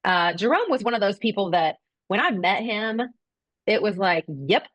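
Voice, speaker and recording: A woman's voice: medium pitch, expressive, normal speed, a bit bright, no room sound, dull audio. A woman hosting a podcast in casual chat, effusive, enthusiastic and affectionate toward her guests. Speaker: podcast host.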